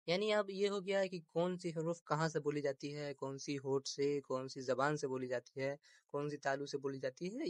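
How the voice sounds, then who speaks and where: A man gives a grammar lesson in a slightly higher-than-usual voice, recorded close with no room sound. He stretches key terms, repeats them, and keeps asking his listeners whether they follow. English words turn up now and then in his explanations. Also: dry recording. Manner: repeats terms slowly, asks rhetorical questions; mixes English words into teaching. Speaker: Urdu grammar teacher.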